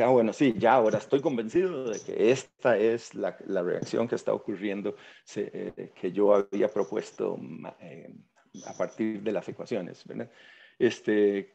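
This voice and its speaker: A man with a Costa Rican accent giving an informal science lecture, often tagging his sentences with "verdad?" and filling pauses with "este". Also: on the low side, gravelly, dark tone, lo-fi sound. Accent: Costa Rican Spanish. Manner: tags sentences with "verdad?", many "este" fillers. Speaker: guest lecturer.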